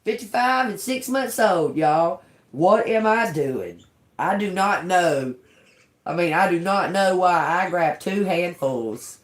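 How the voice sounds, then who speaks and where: A woman in her fifties doing a tarot reading for viewers in an emphatic, chatty way, calling them y'all. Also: low-pitched. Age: 50s. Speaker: tarot reader.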